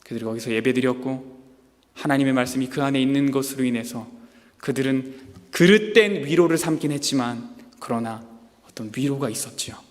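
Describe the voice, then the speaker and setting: A man preaching a sermon as a pastor, animated, often acting out quoted lines in a raised voice. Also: brisk. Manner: animated preaching, acting out God's words with rising pitch. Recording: long hall reverb.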